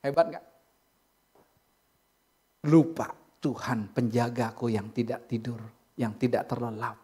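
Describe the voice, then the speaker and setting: A pastor preaching a lively sermon in a church, with humorous asides, casual chatter to the congregation, and playful impressions of other people's speech. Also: medium pitch, a little slow, husky. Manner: animated, humorous, acts out quoted speakers.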